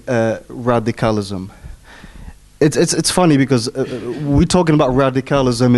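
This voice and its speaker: A man's voice: mid-range voice, darkish tone. A man from Morocco, an audience member at a panel discussion, asking a long question with many restarts and repeated words. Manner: hesitant, repeats words, clears throat.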